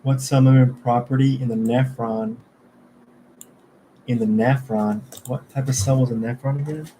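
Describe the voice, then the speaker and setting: A man's voice: mid-range voice, lively intonation, moderate pace, dark tone, a little hiss or hum, low-quality recording. A young man thinking aloud as he studies, quizzing himself under his breath and trailing off when unsure. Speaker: student studying for an exam. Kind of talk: thinking aloud while studying.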